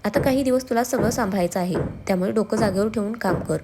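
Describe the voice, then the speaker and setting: A woman's voice: mid-range voice, fast, background noise, close to an everyday voice. A woman voicing a young policewoman who talks in a playful, teasing way. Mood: calm.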